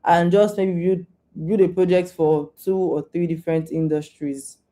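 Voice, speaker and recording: Low mellow-voiced woman coaching on a call. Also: steady tone, normal speed. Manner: informal, repeats and restarts, coaching tone. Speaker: guest speaker on data careers. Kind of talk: live online Q&A session. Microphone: video call.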